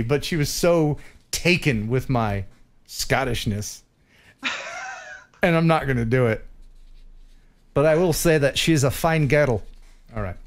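Lively, laughing male show host. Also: a little high. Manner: lively, laughs often, jokey asides. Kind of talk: casual chat reviewing viewer drone footage.

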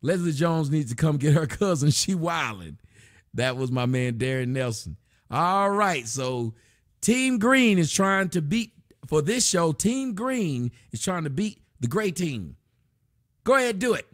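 A man hosts a casual livestream at his desk in a small room, loosely reading out donations and chat with plenty of profanity. His voice is fairly high with big pitch swings and an unhurried pace, captured in clean studio sound with no echo.

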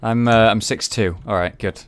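A man's voice: on the low side, steady tone, moderate pace. A man hosting a casual gaming chat, rambling and cutting himself off as he talks. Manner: rambling, self-interrupting. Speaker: host.

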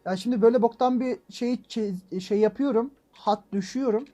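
A man hosting a gaming channel, commenting on his own play as he goes, muttering to himself and breaking into loud frustrated exclamations and mild swearing. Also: extremely high pitch, fairly quick. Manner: talks to himself while playing, excitable, frequent exclamations and mild swearing; swings between calm muttering and loud frustrated outbursts. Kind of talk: let's-play gameplay commentary.

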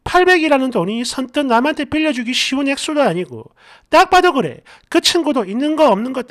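A man's voice: very high voice, sing-song, a little fast, a bit bright. A middle-aged man reads viewer stories aloud from a small room, his voice swinging widely up and down as he reacts. He slips into sarcastic retorts while reading comments. The sound is close, from a mic on his desk. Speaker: story channel host.

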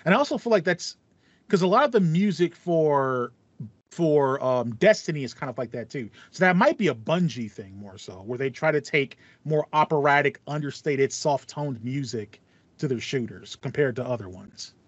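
A man in his thirties hosts a podcast in a casual chat, thinking aloud and repeating phrases as he goes. His voice is medium-pitched with lively intonation and a moderate pace, with no echo. He records indoors in a small home room lined with foam panels, and the audio has a dull, lo-fi voice-call quality.

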